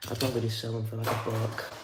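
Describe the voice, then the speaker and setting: A man's voice: on the low side, monotone, fast talker, roomy sound, very noisy. A man streaming live, giving casual, rambling commentary with wry remarks as he handles tools.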